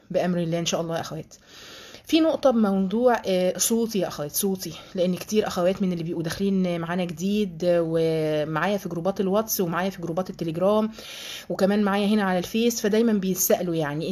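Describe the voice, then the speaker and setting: A woman with an Egyptian Arabic accent teaches a women's religious group over a live stream from home. She talks very fast in a mid-pitched voice, chatty and affectionate, stopping to bless her students by name. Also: darkish tone. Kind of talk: live online religious lesson.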